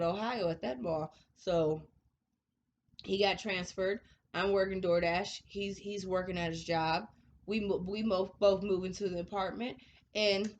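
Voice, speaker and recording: A woman's voice: mid-range voice, muffled recording, slight background noise. A woman in her thirties hosting a personal vlog, telling her story frankly with frequent laughter and talk of faith. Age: 30s. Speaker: vlog host.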